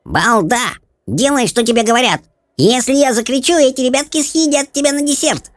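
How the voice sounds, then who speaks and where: A male audiobook narrator voicing a rude, bossy caged goblin with a shrill, squeaky voice. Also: normal speed, no echo. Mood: threatening. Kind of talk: audiobook character voice.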